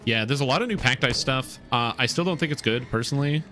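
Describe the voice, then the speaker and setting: A man's voice: medium pitch, quick pace, bright, forceful tone, faint music behind. Man on a livestream headset, chatty. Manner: chatty, loose, thinking aloud with many fillers. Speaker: streamer. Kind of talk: casual gameplay commentary.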